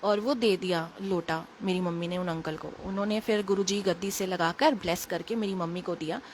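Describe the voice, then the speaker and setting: A woman with a Delhi accent telling an emotional personal story in quick, earnest casual speech, recorded on a phone. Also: fairly low pitch, fairly even intonation, a little hiss or hum. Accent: Delhi Hindi. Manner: earnest, emotional, quick retelling with quoted dialogue. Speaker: devotee sharing a testimony.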